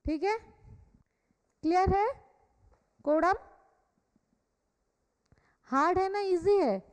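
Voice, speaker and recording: An Indian woman teaching a company law class speaks extremely slowly in a very high voice, lecturing in a mix of Hindi and English. She repeats key points and checks that students follow, in a classroom with others joining online and echoey, hall-like reverb.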